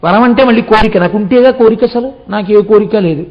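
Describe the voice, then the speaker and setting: Male preacher doing a calm, desireless sage in a sermon story; high male voice, dull lo-fi sound. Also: fairly quick. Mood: serene. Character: serene male sage without any desire. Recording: dull lo-fi recording.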